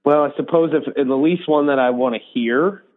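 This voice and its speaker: A man's voice: a little high, brisk. A middle-aged man being interviewed as a guest, speaking in an easygoing, reflective way and laughing easily. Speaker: guest, mental health association director. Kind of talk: casual interview chat. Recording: tinny phone line.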